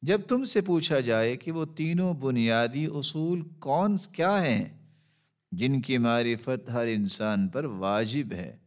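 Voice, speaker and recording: A man giving a religious lesson, reciting Arabic passages quickly and then explaining them slowly. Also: medium pitch, expressive. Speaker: religious teacher.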